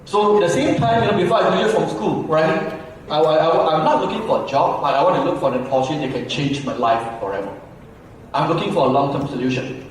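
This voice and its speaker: A man's voice: a little high, fast, slight background noise. A man in his forties, from Malaysia, giving a conversational seminar talk to an audience. He asks the crowd questions and keeps adding "right?". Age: 40s. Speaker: business speaker. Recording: echoey hall from far off.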